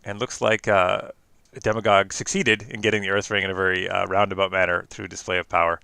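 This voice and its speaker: A man with a Canadian accent giving chatty live-stream commentary on a card game, quick and full of fillers and restarts. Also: sits low, little pitch movement, creaky, sharp tone, clear, resonant tone, dry recording.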